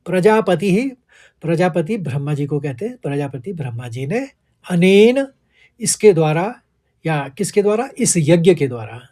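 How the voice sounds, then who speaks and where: Slow, high-voiced man teaching verse recitation. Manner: slow, careful, syllable-by-syllable pronunciation coaching; chants the Sanskrit verse slowly and louder. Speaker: Gita teacher. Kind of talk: recitation lesson with word-by-word explanation.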